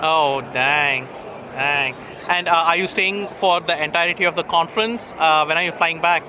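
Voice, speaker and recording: A man interviewing a researcher at a conference, casual, with quick backchannels and friendly questions. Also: fairly high pitch, a crowd in the background. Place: crowded conference poster hall. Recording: noisy conference floor.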